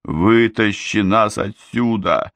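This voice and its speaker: A man's voice: fairly low pitch, very slow, a bit bright, clean tone, dry recording, voice pushed up. A frightened young prince whines and pleads in a voice pushed well up and strained, as a male audiobook reader puts him on. The sound is dry and close, with no room around it. He sounds desperate rather than commanding. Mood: pleading.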